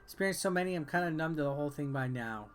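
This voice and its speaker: Rapid-fire and animated, this man's fairly high voice carries loose, offhand commentary on gameplay, and he also reads the game's text out loud. He's a game reviewer and video host, and game music runs in the background.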